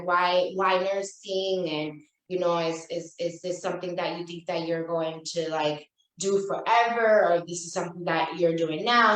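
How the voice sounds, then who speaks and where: A woman's voice: fairly low pitch, fairly bright tone. A woman co-hosting a podcast, telling a story in casual chat and acting out the quoted lines. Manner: storytelling, acts out quoted dialogue. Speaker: podcast co-host. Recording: echoey, distant from mic.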